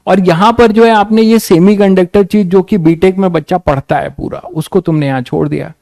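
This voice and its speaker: A man's voice: high voice, steady tone, a little fast, vocal fry, darkish tone, no room sound. A young man teaching physics to exam students, ranting in a frustrated, rhetorical way and questioning his listeners directly. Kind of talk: lecture with a rant.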